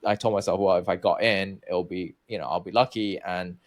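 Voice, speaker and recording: Chatty Malaysian-born man, low voice. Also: fairly even intonation, a little fast. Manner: chatty, many fillers and restarts. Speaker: guest researcher. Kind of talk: interview storytelling.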